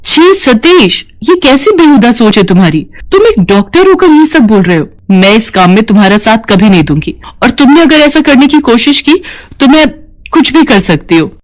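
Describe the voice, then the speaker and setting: A woman's voice: mid-range voice, fast talker, few pauses, natural voice. A woman voicing a principled young female nurse in a storybook drama, speaking earnestly with emotion. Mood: indignant.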